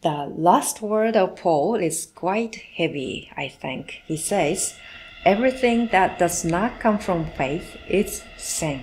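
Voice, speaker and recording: Woman doing live interpreting at church service, measured and careful, lowish voice. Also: expressive, darkish tone, rough recording. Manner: slow, measured delivery with occasional self-corrections. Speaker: sermon interpreter. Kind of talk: live interpreting of a sermon into English.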